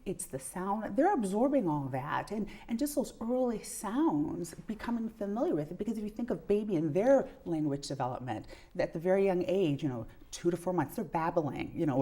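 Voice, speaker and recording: A woman's voice: on the low side, expressive, normal speed, hardly any pauses, dark tone, slightly rough. A middle-aged woman, a pediatrician giving earnest explanations with examples as an interview guest. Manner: earnest, illustrates points with examples.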